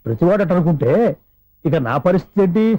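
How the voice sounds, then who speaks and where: A fussy, talkative secretary, played by a man in a film comedy, quizzing and teasing the person in front of him. His voice sits high. His lines come out quick. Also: animated, warm tone, dry recording, lightly acted. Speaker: comic actor in a film scene.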